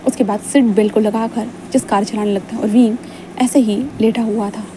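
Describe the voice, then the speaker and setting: A woman's voice: fairly high pitch, fairly even intonation, a little fast, noisy background. A woman casually narrating a fan fiction story in a chatty, informal way. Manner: chatty, informal, many restarts and fillers.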